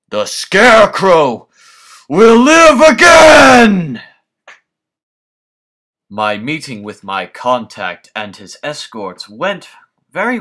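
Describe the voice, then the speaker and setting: Slow, sadistic Scarecrow villain. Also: male voice, fairly low pitch, a bit bright. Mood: smug, calculating. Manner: menacing scarecrow voice, slow, pompous, florid and deliberate. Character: sadistic, grandiose scarecrow villain, a mad male scientist. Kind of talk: theatrical villain monologue.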